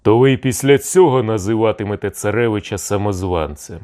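A brash cossack played by a man jeers and barks threats. His deep voice jumps up when he taunts, in a read-aloud tale. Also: a little fast, a little mellow, lightly acted. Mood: jeering. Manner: jeering, raised voice.

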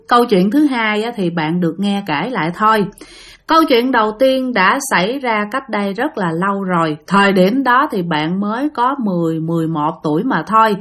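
A woman's voice: mid-range voice, a bit bright. A woman with a Southern Vietnamese accent, narrating ghost stories in a chatty way, addressing her listeners directly. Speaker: storyteller. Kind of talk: spoken ghost-story narration.

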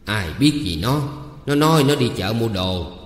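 A man's voice: lively intonation, moderate pace, close to an everyday voice. A man putting on a nagging old woman. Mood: scolding. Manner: scolding, shrill and loud. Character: sharp-tongued old woman, nagging mistress. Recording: roomy with long reverb.

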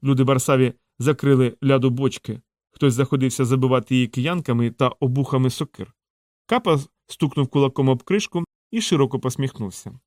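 Man narrating an audiobook, measured and even, dry close mic. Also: medium pitch, dry recording. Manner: steady, measured storytelling. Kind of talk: scripted narration.

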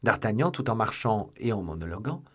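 A man reading a classic novel aloud as an audiobook narrator, in measured, expressive narration. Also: on the low side, slightly rough. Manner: measured and expressive, voicing the characters. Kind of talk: scripted literary narration.

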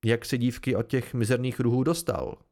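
A man reading an audiobook, voicing a gruff middle-aged village mayor who is suspicious and quick to anger, with a creaky voice. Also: medium pitch, darkish tone, lightly acted. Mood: hearty.

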